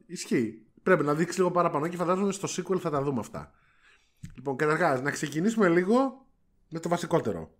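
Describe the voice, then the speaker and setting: A man's voice: fairly high pitch, animated. A man, a podcast guest giving emphatic opinions on films in casual chat.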